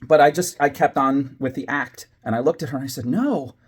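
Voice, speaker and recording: A man's voice: medium pitch, steady tone, brisk, husky. A man telling a story from his years as a teacher, dramatizing it with whispers and quoted voices. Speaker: former teacher, channel host. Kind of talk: personal storytelling monologue.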